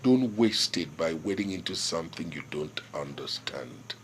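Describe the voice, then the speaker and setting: An actor playing a proud, stubborn older village king with a Nigerian accent, speaking in measured, authoritative lines and quoting proverbs. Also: deep voice, expressive, slight background noise. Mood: lecturing. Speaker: traditional king. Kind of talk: film drama acting.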